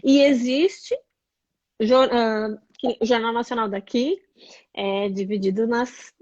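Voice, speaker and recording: A woman's voice: on the high side, steady tone, slow pace, a little mellow, no echo, lo-fi sound. A woman from southern Brazil, a blogger and tour guide, chatting as an interview guest and explaining things with many tag questions. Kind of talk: casual interview over a call.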